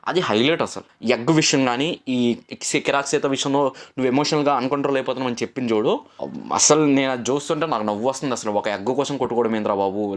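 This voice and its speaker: A young man giving a casual, opinionated reality show review, repeating himself and mixing in English words. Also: on the high side. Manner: rapid, repetitive, mixes English words, argumentative.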